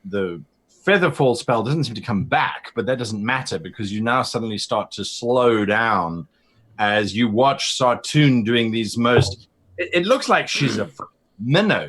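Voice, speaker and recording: A man narrating as game master in a mid-pitched, everyday voice. His descriptions are vivid and scene-setting, with the occasional "uh" between them. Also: a bit bright.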